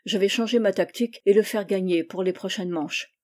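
Female reader as a polite young laborer, modest, mellow tone. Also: medium pitch, a little fast, lightly acted. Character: young working man, modest, polite card player.

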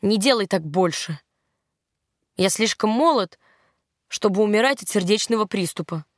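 A woman's voice: mid-range voice, expressive, moderate pace, dry recording, natural voice. A brooding German football man who scolds and snaps when worried, read by a woman. The voice sits mid-height, in a dry close recording. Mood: angry. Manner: gruff, scolding.

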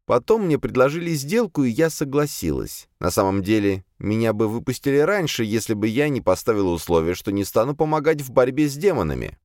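A man's voice: mid-range voice, big pitch swings, brisk, hardly any pauses, a little mellow, dry recording, studio quality, pitched above the performer's own voice. A man voicing a timid female demon maid. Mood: subdued, confessing. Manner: timid, deferential, pleading. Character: young female demon posing as a servant, meek.

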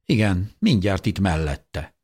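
Guy doing a kindly old man, deep husky and slow, kinda teasing. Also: sing-song, a little mellow, exaggerated voice. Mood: gentle. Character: gentle elderly man, kind and teasing.

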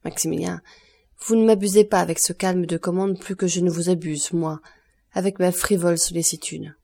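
A woman reading the lines of a grave, commanding nobleman who speaks with steady, quiet calm. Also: fairly low pitch, normal speed, vocal fry. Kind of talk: audiobook reading of a novel.

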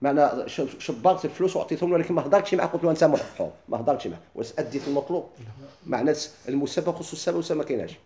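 A middle-aged man with a Moroccan accent, teaching a classroom lesson. He keeps asking his listeners quick questions and then answers them himself. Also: a little high, lively intonation, mellow, echoey room, slight background noise. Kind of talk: classroom lesson explaining legal theory.

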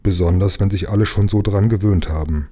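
A man reading aloud plays a calm, thoughtful grown man from a storybook, steady and soothing. The voice is low and dark. It carries a husky edge. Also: brisk.

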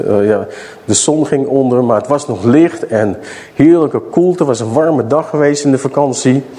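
Middle-aged guy preaching in a church hall, high lively voice, talks slow and asks the crowd stuff. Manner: questions the audience, dramatic slow emphasis. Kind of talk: sermon.

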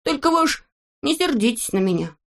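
Neznaika, a woman voicing a high boastful little fellow. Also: sing-song, brisk, creaky, a bit bright, heavily acted. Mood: carefree. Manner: high childish voice, cheerful and unbothered. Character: boastful carefree little male shorty.

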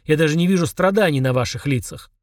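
A man's voice: a little high, fast, no echo, natural voice. A man voicing a small, spiteful, grumpy demon who grumbles and snaps sarcastically, in a dry close recording. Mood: grumbling. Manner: grumbling, sneering, snapping.

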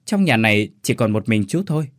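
A man voicing a calm, mild middle-aged neighbor. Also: lowish voice, fairly quick, no room sound, clean studio sound, natural voice.

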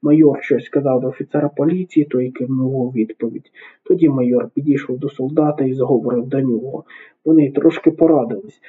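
A man narrating an audiobook in a steady, even reading voice. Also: medium pitch, brisk, husky. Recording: narrow phone-like sound.

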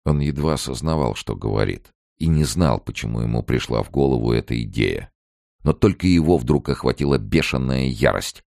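A man reads a novel aloud in a measured, expressive way. His voice sits extremely low with a gravelly crackle and lively rises and falls, recorded dry and close. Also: no room sound. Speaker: narrator. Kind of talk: audiobook narration.

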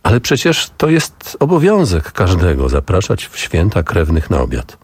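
A man voicing a kindly male visitor in a storybook, speaking with sympathy and gentle advice. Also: sits low, wildly swooping pitch, moderate pace, slightly rough, no echo, heavily acted. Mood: sympathetic. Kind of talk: reading a storybook aloud with voices.

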